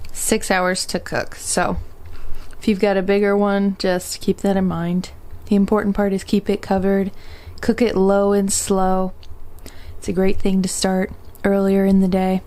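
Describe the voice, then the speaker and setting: Young female vlogger, casual upbeat cooking chat, middle pitch. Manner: chatty, upbeat, talks while cooking.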